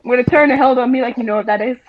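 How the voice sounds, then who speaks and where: A woman's voice: fairly high pitch, rapid-fire, dull audio, crowd noise. A woman playing a tabletop game, chatting casually with the group. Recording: faint background noise with clicks.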